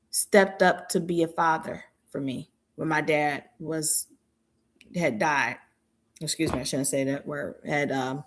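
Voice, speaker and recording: A woman in her thirties hosting a podcast, giving an earnest, reflective monologue full of rhetorical questions and mid-sentence self-corrections. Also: lowish voice. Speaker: podcast host.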